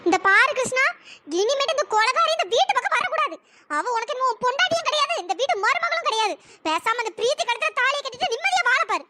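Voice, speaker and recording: A stubborn, scheming cartoon mother, voiced by an actor, pleading and threatening in a melodramatic way. Her pitch-raised voice sits extremely high and sounds bright and piercing. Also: very animated, quick pace, dry recording, full character voice. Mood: defiant. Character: stubborn scheming mother, middle-aged woman. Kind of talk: cartoon drama dialogue.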